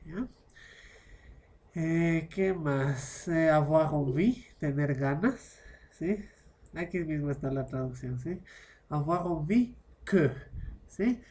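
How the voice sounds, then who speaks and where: Slow, patient man teaching French grammar. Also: a little high, darkish tone. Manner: checks understanding with constant "¿ya?" and "¿no?" tags; switches between Spanish explanation and French examples. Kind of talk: classroom grammar explanation.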